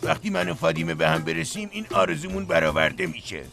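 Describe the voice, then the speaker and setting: A man's voice: a little high, huge pitch swings, creaky, a bit bright, soft background music, exaggerated voice. An actor playing a stubborn, grumbling old grandfather in a dubbed TV drama. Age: older. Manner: grumbling, scolding, chuckling. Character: stubborn playful old grandfather stuck up a tree.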